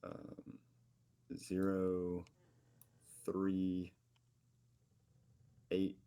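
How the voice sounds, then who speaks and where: Slow, dark-voiced man, low and hesitant. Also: completely flat delivery, clean tone. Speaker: player assisting with grid references. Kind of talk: casual military game chatter.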